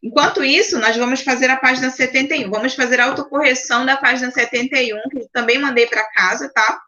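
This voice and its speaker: A Brazilian woman teaches a grammar lesson over a video call, her voice a little high and bright. She explains patiently, step by step, and often stops to check in with the children. The call audio sounds dull and lo-fi. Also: fast. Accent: Brazilian Portuguese. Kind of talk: online class teaching.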